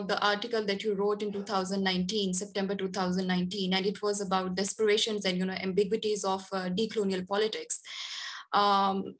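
A woman with a medium-pitched voice interviews a guest on a podcast. She asks academic questions conversationally, in a halting way, piecing her phrases together. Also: a bit bright.

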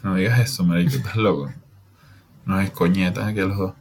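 A man's voice: deep voice, steady tone, brisk, noisy background. A man with a Venezuelan accent co-hosting a casual podcast, teasing his partner and laughing easily. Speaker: podcast co-host. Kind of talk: casual chat.

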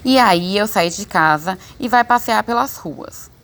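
A woman reading a children's book aloud as an audiobook narrator, expressive and lively. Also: medium pitch, unhurried. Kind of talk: storybook reading.

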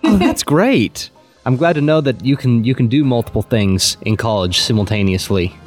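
A young man from Texas hosting a podcast in a casual, animated, self-deprecating way, laughing often. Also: mid-range voice, normal speed, faint music behind. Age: young adult. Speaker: podcast host.

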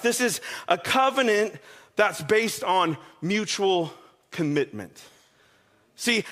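A man's voice: sits high, bright, forceful tone. A male pastor preaching a sermon in a conversational, joking way, often checking in with his listeners.

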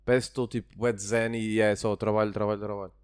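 A man's voice: lowish voice, flat delivery, fast, clear, resonant tone. A young man with a European Portuguese accent chatting casually on a podcast among friends, slangy and repeating words for emphasis. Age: young adult. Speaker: podcast co-host.

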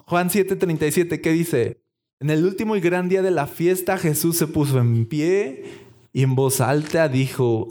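A man's voice: fairly high pitch, darkish tone. A man preaching a sermon, acting out imagined dialogue and asking the congregation questions.

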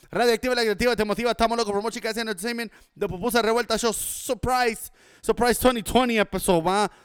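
A man's voice: high voice, smooth, dry recording, studio quality. A man with a Salvadoran Spanish accent chatting casually and festively as a music show host, slangy and sweary, urging listeners on with tag questions.

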